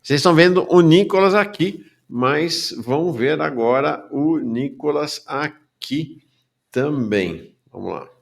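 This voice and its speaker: Upbeat male host with a gravelly voice. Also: fairly high pitch, lively intonation, measured pace. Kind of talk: casual live interview.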